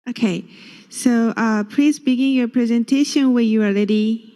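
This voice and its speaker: A woman moderating an event, making calm, deliberate announcements. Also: on the high side, long reverb tail.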